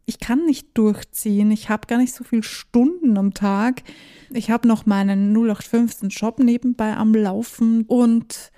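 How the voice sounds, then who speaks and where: A woman with a slightly high, dark voice hosts her own podcast, talking casually by herself. German is her first language; she is chatty, laughs now and then, and tosses in English phrases.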